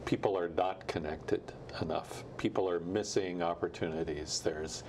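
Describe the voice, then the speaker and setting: A man's voice: low voice, steady tone, moderate pace, darkish tone, a little hiss or hum. A man hosting a TV studio interview, probing and joking as he sums up his guest's answers. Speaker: TV show host.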